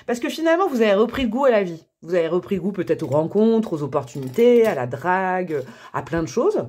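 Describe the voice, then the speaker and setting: A woman's voice: lowish voice, very animated, brisk, darkish tone, husky. A woman giving a casual tarot reading to camera, chatty and thinking aloud with many fillers and small laughs. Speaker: tarot reader.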